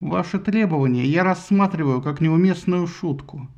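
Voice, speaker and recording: A man voicing a haughty, condescending god who speaks slowly and mockingly, in a satirical audiobook. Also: a little high, darkish tone, highs cut off, close to an everyday voice. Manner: slow, lofty, mocking.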